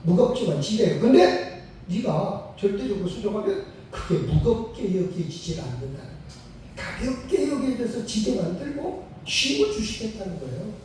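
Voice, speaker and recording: Older male pastor, sermon, high mellow voice, very echoey sanctuary, distant mic. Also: sing-song, moderate pace, slight background noise. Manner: emphatic storytelling with repeated phrases. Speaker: retired senior pastor. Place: church sanctuary.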